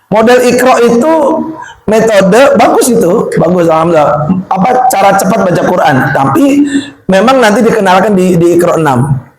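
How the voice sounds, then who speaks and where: A man teaching Quran recitation to a class in with a lilt, patiently quizzing students and drilling letter sounds. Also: high voice. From Indonesia. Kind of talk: classroom tajwid lesson. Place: classroom or mosque hall with a group of students. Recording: echoey room with murmuring group.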